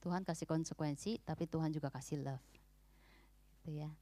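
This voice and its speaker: A woman's voice: low-pitched, steady tone, fairly quick, mellow, no room sound. A woman giving an informal, emphatic church talk on parenting, often mixing English words into her speech.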